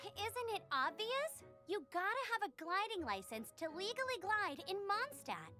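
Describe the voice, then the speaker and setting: A perky young female knight from a video game, speaks very high and bouncy, with big swings in pitch. She is brisk and proud of doing things by the book, with music playing behind her. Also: very animated, heavily acted. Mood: teasing. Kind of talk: video game character dialogue.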